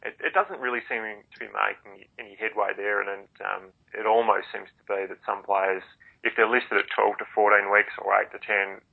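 A man's voice: fairly low pitch, steady tone, moderate pace, creaky. An Australian man discussing sport as a panellist, explaining in a hesitant, roundabout way. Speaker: podcast panellist. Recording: thin phone-line sound.

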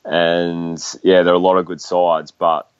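Deep aussie bloke chatting footy casually, dry sound but kinda muffled lo-fi. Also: male voice, little pitch movement, measured pace, clear, resonant tone, no room sound. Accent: Australian. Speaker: sports podcast guest. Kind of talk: casual sports discussion.

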